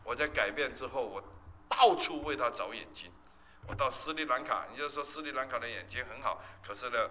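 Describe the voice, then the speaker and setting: A man's voice: mid-range voice, sharp tone, slight background noise. A male pastor, giving an emotional testimony sermon with emphatic storytelling.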